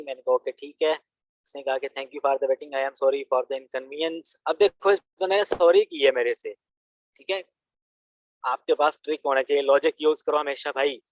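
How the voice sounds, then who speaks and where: A young man talks viewers through a screen-recorded business tutorial. His voice sits a little high, and he keeps saying "theek hai" between points. The recording is dry, close to the mic. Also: no echo, low-quality recording. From Pakistan. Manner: chatty, repeats "theek hai" as a filler. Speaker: online business course instructor.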